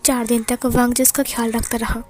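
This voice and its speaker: A woman retelling fan fiction as a storyteller, in plain, steady narration. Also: a little high, brisk, faint music behind.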